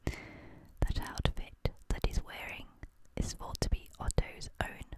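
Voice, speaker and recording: A young woman reads a creepy story in a hushed, breathy ASMR whisper, very close to a studio microphone. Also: rough recording.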